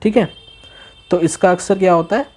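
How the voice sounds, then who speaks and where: A man teaching a beginner language demo class, repeating phrases slowly, asking the listener questions and exaggerating his tone to show meaning. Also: high-pitched, darkish tone, slightly rough. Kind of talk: demo class lesson taught in Hindi.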